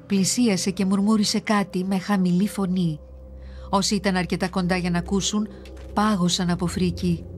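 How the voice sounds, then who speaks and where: A woman giving steady, measured scripted narration for a children's series on ancient myths. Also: mid-range voice, faint music behind.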